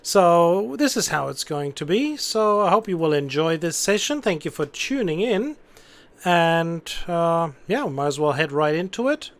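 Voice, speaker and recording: Higher-pitched man streaming a tower game. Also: sing-song, a little slow. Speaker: host, game streamer playing air traffic controller. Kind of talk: casual live game commentary with controller instructions.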